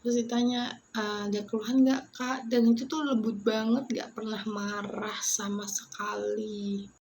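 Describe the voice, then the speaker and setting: A young woman telling a personal story in a vlog, halting and close to tears, tired, with many restarts. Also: mid-range voice, level tone, a little mellow, slight background noise. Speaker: vlogger. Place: isolation ward room.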